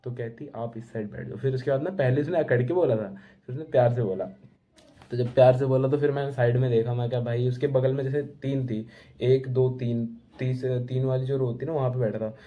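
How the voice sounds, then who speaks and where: A man's voice: medium pitch, fairly even intonation, a little fast. A young man telling a rambling, casual travel story to camera from home. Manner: chatty, rambling, keeps saying bhai. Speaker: travel vlogger. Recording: tinny phone-like sound.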